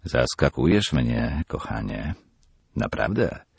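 A man voicing a middle-aged wealthy father who murmurs softly and distractedly in an audiobook reading. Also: very deep voice, sing-song, slow pace, breathy edge, no echo, clean studio sound, exaggerated voice. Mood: mild. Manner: murmuring, soft. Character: middle-aged father, busy shoe tycoon, distracted and mild.

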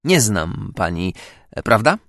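A man voicing a self-assured, charming gentleman seducer, in a lower, soft, amused tone. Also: very animated, slow, dry recording, clean studio sound, exaggerated voice.

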